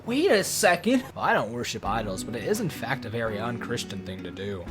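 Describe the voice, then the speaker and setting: A man's voice: mid-range voice, very animated, a little fast, music in the background. A young man reading a story aloud with casual, sarcastic comedic commentary. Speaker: YouTuber.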